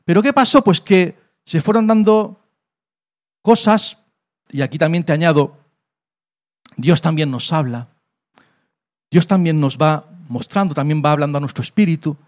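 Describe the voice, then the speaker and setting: A man's voice: fairly high pitch, a little mellow. A man with a Spain Spanish accent preaching in a church and giving a personal testimony, emphatic, asking questions and answering them himself. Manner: emphatic, asks and answers his own questions. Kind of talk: sermon testimony. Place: church hall.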